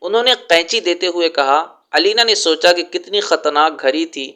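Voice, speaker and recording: High, bright-voiced male storyteller. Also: smooth. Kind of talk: scripted story narration.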